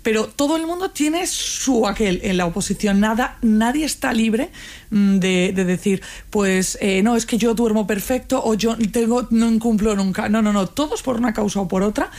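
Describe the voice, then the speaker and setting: A woman's voice: on the high side, moderate pace, a little mellow. A woman who explains things emphatically as a guest expert in an interview conversation.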